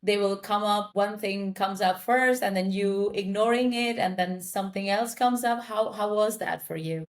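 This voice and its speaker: A woman's voice: mid-range voice, normal speed, hardly any pauses. A woman hosting a casual interview, prompting her guest and checking in with questions. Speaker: podcast host.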